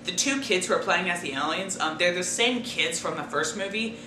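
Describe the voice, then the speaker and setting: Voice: mid-range voice, fairly quick, noisy background. A movie reviewer chatting casually and hesitantly, with many ums and fillers. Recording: roomy distant mic with music.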